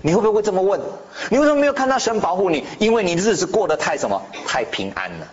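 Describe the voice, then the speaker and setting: A man preaches with a high voice that leaps and drops across a wide range. He throws out rhetorical questions and acts out bold declarations. The recording is dull and lo-fi with a faint hiss behind. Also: big pitch swings, fast talker. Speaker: pastor. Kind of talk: sermon. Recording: dull lo-fi sound with faint noise.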